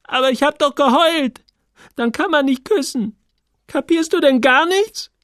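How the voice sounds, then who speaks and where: A man voicing a tearful, defiant teenage girl in a high, pleading voice for an audiobook. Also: big pitch swings, measured pace, vocal fry, no echo, clean studio sound, full character voice. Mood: indignant.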